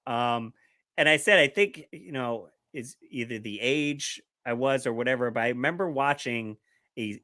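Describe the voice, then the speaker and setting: A man co-hosts a casual podcast chat, rambling and laughing as he loses his train of thought. His mid-range voice is bright and forceful.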